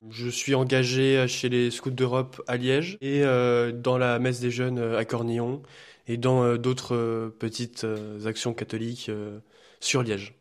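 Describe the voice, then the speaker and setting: A young man from France, a student guest in a radio studio interview, speaking hesitantly with many filler pauses. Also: medium pitch, completely flat delivery. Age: young adult.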